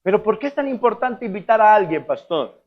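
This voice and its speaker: A man with a Colombian accent preaching a lively sermon as pastor, calling out to the congregation and acting out little scenes. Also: sits high, brisk, lo-fi sound. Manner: animated, calls out to the congregation, acts out little scenes.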